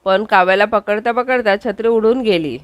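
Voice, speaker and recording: A woman's voice: mid-range voice, normal speed, no room sound, lightly acted. A woman voicing a playful young husband in a TV serial recap, reading his joking lines in her own voice. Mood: teasing.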